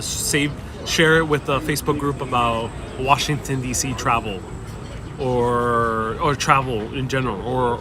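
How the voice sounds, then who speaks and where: Hosting a casual livestream on a busy city street, a young man whose first language is Spanish reads viewer questions aloud and rambles warmly in a medium-pitched voice. He wears a wireless clip-on mic, and the outdoor recording clearly picks up the street crowd and passing traffic.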